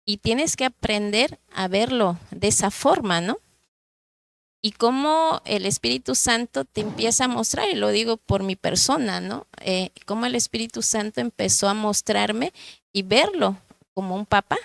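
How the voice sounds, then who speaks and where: A woman's voice: mid-range voice, normal speed, gravelly, no echo. A woman reflecting on personal experience in a church conversation.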